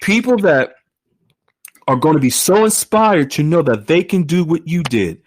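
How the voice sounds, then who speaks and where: A man hosting an online group call, animated and exclaiming often. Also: on the high side, measured pace. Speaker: host.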